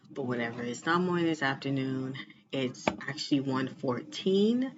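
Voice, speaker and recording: A vlogger chatting casually to the camera in a rambling way, repeating phrases for emphasis. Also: mid-range voice. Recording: muffled lo-fi sound with background noise.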